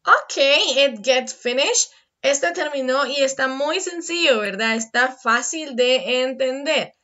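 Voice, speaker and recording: A woman's voice: high-pitched, animated, slow, bright, forceful tone, dull audio. A woman teaching an English class online, switching between Spanish and English and checking in with "verdad?".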